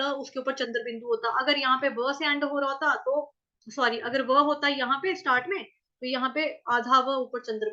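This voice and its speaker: A woman teaching Sanskrit verse pronunciation, sounding out syllables slowly and asking and answering her own questions. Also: sits high, bright, forceful tone. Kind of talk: pronunciation lesson, slow syllable-by-syllable chanting. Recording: dull lo-fi recording.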